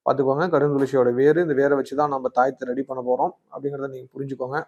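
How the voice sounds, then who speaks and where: A man's voice: medium pitch, level tone, rapid-fire, darkish tone, dull audio. A man, an astrologer giving a weekly horoscope, chatty and coaxing, often scolding his viewers with rhetorical questions. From Tamil Nadu, India. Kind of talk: weekly horoscope talk to camera.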